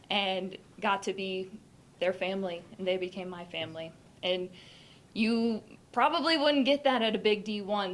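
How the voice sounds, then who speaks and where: A young woman gives a hall of fame acceptance speech in a medium-pitched voice. Her delivery has the polish of a trained presenter, and her voice leaps upward whenever she gets excited. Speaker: hall of fame inductee, former player.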